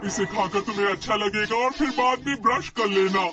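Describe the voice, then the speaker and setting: A man voicing a kindly, fatherly neighbor in a cartoon dub, gently coaxing a child. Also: high voice, fairly even intonation, normal speed, muffled recording, lightly acted. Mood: gentle.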